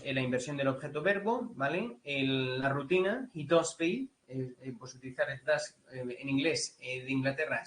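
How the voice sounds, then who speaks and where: Spanish-accented male tutor, informal lecture, lots of fillers, average pitch. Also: fairly bright tone, poor audio. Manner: casual, many fillers, mimics English accents. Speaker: teacher.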